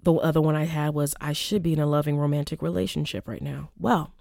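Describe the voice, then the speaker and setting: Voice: medium pitch, flat delivery, quick pace, creaky, a little mellow, dry recording, studio quality. A podcast host talking casually on their own, rambling and chatty, with lots of filler words and restarts. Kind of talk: casual solo podcast monologue.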